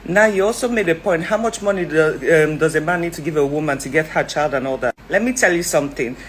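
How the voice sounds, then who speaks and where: A woman giving opinionated advice on a vlog, direct and lecturing, firing off rhetorical questions and sometimes talking fast. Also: sits low, slight background noise, rough recording. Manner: talks fast at times. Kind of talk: opinionated social commentary.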